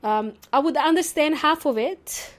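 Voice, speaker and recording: Her voice sits high and unhurried as this Serbian-native woman hosts her English-learning podcast alone. The tone is lively, playful and talkative, and she often asks listeners questions.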